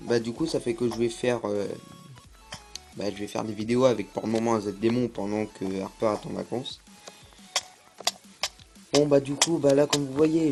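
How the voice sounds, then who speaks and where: A man's voice: mid-range voice, darkish tone. A young man giving casual gameplay commentary, hesitant and full of fillers. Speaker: gaming YouTuber.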